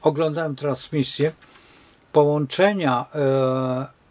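A man's voice: fairly high pitch, steady tone, takes it slowly, darkish tone. An older man from Poland giving a rambling, digressive informal talk as an astrologer to his followers, with many hesitations and wry chuckles.

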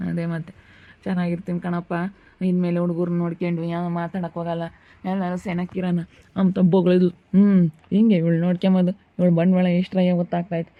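A man acts out a stern, fed-up village father. His fast, gravelly grumbling sounds tinny and dry, like a phone line. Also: high-pitched, monotone, no room sound. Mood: complaining. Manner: grumbling, complaining.

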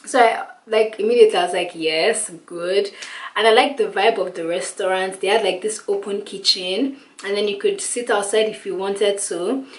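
A woman's voice: medium pitch, steady tone, fairly quick, echoey room. Chatty woman vlogging at home. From Nigeria. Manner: chatty, rambling, heavy on "like". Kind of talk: casual vlog talk to camera. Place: at home, indoors.

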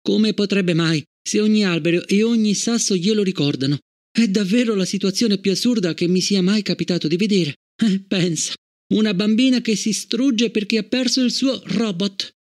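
Un uomo che interpreta in un audiolibro una madre di mezza età, severa e orgogliosa, dal tono fermo e freddo. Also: male voice, sits high, moderate pace, voice pushed up, close to an everyday voice. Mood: cold firm. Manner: firm and cold. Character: stern, proud middle-aged mother.

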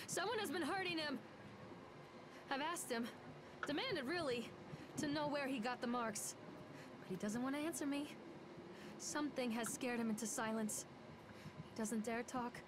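A woman's voice: fairly high pitch, background noise, lightly acted. An actress playing a desperate mother who speaks in an anxious, haunted way. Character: desperate mother searching for her son. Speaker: game character. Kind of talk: game voice acting.

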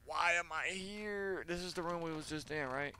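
A man's voice: a little high, normal speed, bright, forceful tone, a little hiss or hum. A man giving casual horror game commentary as a scared streamer, jumpy and talking to himself and to the game.

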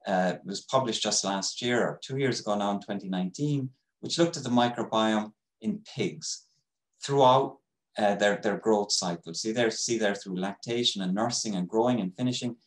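A man giving an academic webinar lecture over a video call, explaining in a measured way with frequent pauses. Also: lowish voice, roomy sound, rough recording. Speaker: microbiology professor giving a webinar talk.

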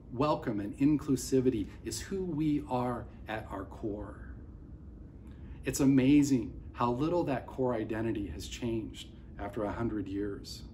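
Middle-aged pastor preaching a sermon. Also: male voice, mid-range voice, a little mellow, a little hiss or hum. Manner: earnest, gestures with open hands while preaching. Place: indoors by a large window facing office towers.

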